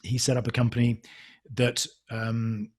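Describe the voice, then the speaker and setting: Man, husky voice, halting speech, many ums, reflective, self-deprecating, podcast guest. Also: mid-range voice, level tone, darkish tone. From England. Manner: hesitant, halting, with frequent ums and restarts. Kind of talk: casual conversational interview.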